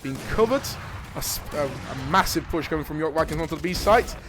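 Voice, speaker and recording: A young man casting a live esports match, jokey and excitable, rising to shouts on big plays and dropping to quiet asides. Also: on the high side, a little fast, noisy background. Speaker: esports caster.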